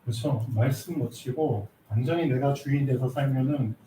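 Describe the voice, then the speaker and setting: A man's voice: mid-range voice, moderate pace, mellow, roomy sound, far from the mic, slight background noise, low-quality recording. A male pastor preaching a sermon, often asking his listeners rhetorical questions and stopping for their agreement.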